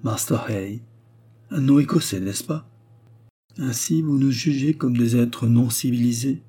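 A man's voice: medium pitch, unhurried, mellow, husky, voice pushed up. A man voicing a young noble grand duchess, earnest and anxious, speaking with a raised, emotional voice. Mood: composed.

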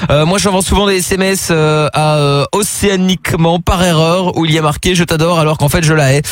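A man's voice: a little high, fairly even intonation, brisk, no echo, studio quality. A man hosting a late-night radio call-in show, teasing callers and reading listener messages aloud. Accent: French. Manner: teasing, joking, reads listener texts aloud. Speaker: radio host. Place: radio studio. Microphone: studio mic.

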